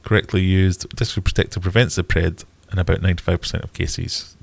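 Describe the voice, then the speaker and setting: Middle-aged British man, low-pitched and stuffed-up nose, blunt and wry livestream host, loose conversational delivery. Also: steady tone, fairly quick, gravelly, dry recording. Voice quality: bunged-up, congested nasal voice. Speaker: livestream host answering viewer questions. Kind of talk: casual livestream chat.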